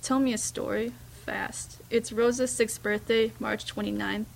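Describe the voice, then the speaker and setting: A woman reading a first-person story aloud, in a hushed, reflective way with small slips and restarts. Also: fairly high pitch, fairly even intonation, measured pace, creaky, slight background noise, low-quality recording. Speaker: reader.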